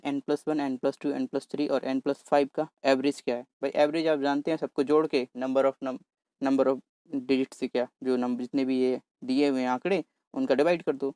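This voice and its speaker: A man teaching exam maths in a brisk, chatty way, talking fast on purpose and coaxing his viewers along. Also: mid-range voice, fairly even intonation, warm tone, clean tone, no echo. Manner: brisk, talks fast on purpose to cover the paper. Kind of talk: solving exam paper on screen.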